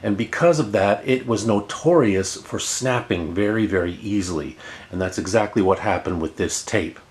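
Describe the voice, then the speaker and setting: Speaking at a moderate pace in a lowish voice, a middle-aged man walks through a hands-on tech repair tutorial. He keeps it casual and plain, repeating words to stress them.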